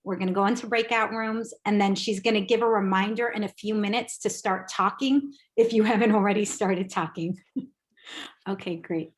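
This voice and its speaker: A woman's voice: mid-range voice, normal speed. A woman facilitating a teacher workshop over a video call, upbeat and organizing the group. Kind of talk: casual video-call discussion.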